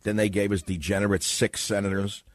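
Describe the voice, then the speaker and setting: A man hosting a talk radio show, giving a sarcastic, indignant monologue that swings from muttering to loud outbursts in a studio. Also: lowish voice, little pitch movement, a little fast. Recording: dry studio mic.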